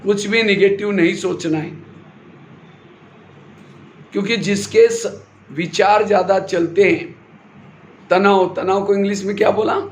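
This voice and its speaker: Male spiritual teacher, high voice, quizzes the audience and answers himself, echoey hall. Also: fairly even intonation, a little slow, pauses often. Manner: asks the audience questions and answers them himself. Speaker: spiritual teacher giving a class. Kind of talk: sermon-style spiritual class. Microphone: handheld or stand mic. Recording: echoey hall with faint noise.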